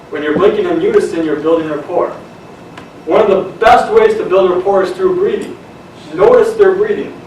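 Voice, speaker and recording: A man giving a lively, conversational sales seminar to a room of people, acting out what customers say. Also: high voice, a little hiss or hum. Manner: energetic, conversational, acts out quotes. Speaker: sales presenter. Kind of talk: seminar talk. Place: room with an audience. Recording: very echoey room, mic far off.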